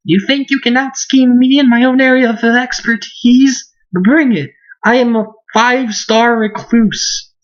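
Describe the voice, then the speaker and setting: A man's voice: extremely high pitch, steady tone, unhurried, pitched above the performer's own voice. A man voicing a shy, flustered teenage girl who hides in her room, stammering through a fan voice-over of game dialogue. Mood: defiant. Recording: muffled lo-fi mic.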